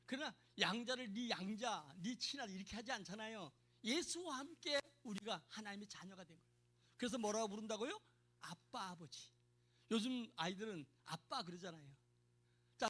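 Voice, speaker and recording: A middle-aged pastor preaching a sermon, emphatic and calling out to the congregation for responses. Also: male voice, high voice, animated, fairly quick, bright, forceful tone.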